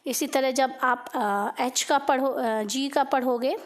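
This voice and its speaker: A woman's voice: high-pitched, steady tone, takes it slowly. A woman tutor explaining a phonics lesson, mixing Hindi and English. She is patient, spells letters out one by one and checks in with "okay" after each point.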